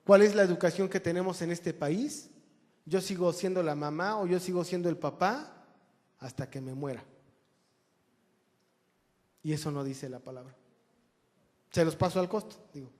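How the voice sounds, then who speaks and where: High-voiced pastor in a reverberant church. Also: male voice, moderate pace, pauses often, darkish tone. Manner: conversational, jokes with the congregation. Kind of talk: sermon. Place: church hall.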